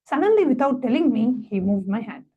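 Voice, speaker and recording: A woman presenting a devotional satsang, reading a story aloud and then giving step-by-step guided instructions in a measured, reverent way. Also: on the high side, big pitch swings, mellow, husky, muffled recording.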